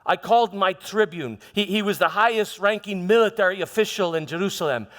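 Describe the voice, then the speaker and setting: A man's voice: high-pitched, a bit bright. A man playing a troubled Roman governor in a theatrical monologue, stammering and defensive as he justifies himself. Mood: uneasy recounting. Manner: halting, stammering, self-justifying, emphatic. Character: troubled, defensive male Roman governor Pontius Pilate confessing his past. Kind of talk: theatrical church monologue, first-person dramatization. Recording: long reverberant echo of a hall.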